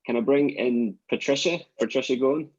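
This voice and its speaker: A man's voice: mid-range voice, fairly quick, darkish tone, highs cut off. A man chairing a webinar, thanking speakers politely with stammering repeats. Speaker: meeting chair.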